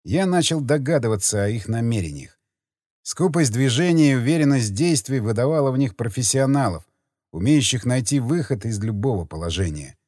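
Expressive male audiobook narrator. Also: medium pitch, normal speed, dry recording, studio quality. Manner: expressive, tense storytelling. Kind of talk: dramatic first-person narration.

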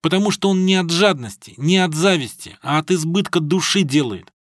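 A man's voice: a little high, animated, a little fast, no room sound, clean studio sound, lightly acted. A man voicing a naive, earnest young male student who pleads and blurts out whatever he thinks, in an audiobook. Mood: pleading.

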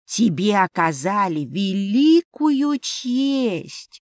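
A woman voicing a grumpy, cheeky little male winged mouse familiar in an audiobook, speaking in a slow, sarcastic drawl. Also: mid-range voice, very animated, darkish tone, no room sound, clean studio sound. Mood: sulky.

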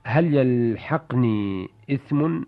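A man's voice: mid-range voice, lively intonation, slow. A man hosting a radio programme, courteously reading out listeners' questions in formal Standard Arabic. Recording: dull lo-fi radio recording.

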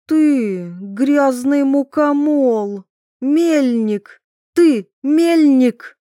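A woman reading a scheming, sharp-tongued provincial wife who is imperious and scornful, voiced higher than her own voice. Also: takes it slowly, no echo, studio quality, close to an everyday voice. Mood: shrill.

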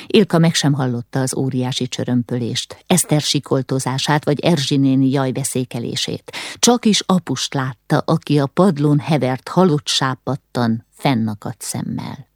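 A woman reading a novel aloud in measured, steady audiobook narration. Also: very deep voice, no room sound, studio quality.

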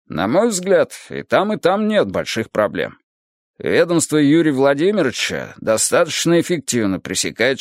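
A man's voice: medium pitch, no echo, studio quality, voice pushed up. A man reading a stern Soviet official's speech. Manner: measured, argumentative, official tone. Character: middle-aged male Soviet official giving a firm policy speech. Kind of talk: audiobook reading.

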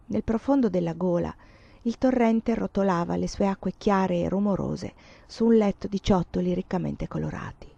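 A woman narrating a nineteenth-century novel as an audiobook, with a measured, expressive reading. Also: fairly low pitch, creaky, husky, dry recording, highs cut off. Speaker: audiobook reader.

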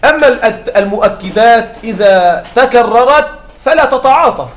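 A man's voice: very high-pitched, animated, moderate pace. A man teaching grammar to a class, explaining with repeated examples and often asking the students whether they follow. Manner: explains with repeated examples and checks understanding with questions. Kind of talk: classroom lecture. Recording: echoey classroom sound.

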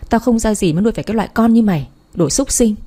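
Storybook figure: stern, scolding middle-aged father, read by a woman in a soft, mellow voice. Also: fairly high pitch, animated, rapid-fire, breathy edge. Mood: furious. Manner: scolding, accusing.

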